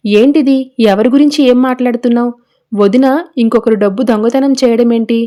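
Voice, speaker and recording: A young man pushing back at his mother, reproachful, as a woman narrator puts him on. The voice stays warm and fairly high. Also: a little fast, natural voice. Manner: pleading, reproachful. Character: young man defending his sister-in-law.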